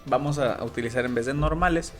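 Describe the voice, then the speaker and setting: A man's voice: medium pitch, fast, faint music behind. A man with a Mexican Spanish accent, a sign language interpreter guest, explaining patiently with examples in casual interview talk.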